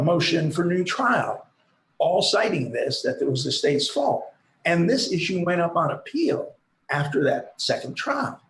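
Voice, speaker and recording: A man's voice: fairly high pitch, fairly bright tone, echoey room, rough recording. A man arguing for the state in an appellate court, persistent and argumentative. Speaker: attorney for the state.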